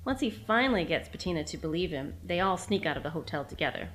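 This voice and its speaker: A woman's voice: on the low side, expressive, quick pace, a bit bright. A woman hosting a podcast, reading her own written episode recap with fond enthusiasm. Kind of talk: scripted reading.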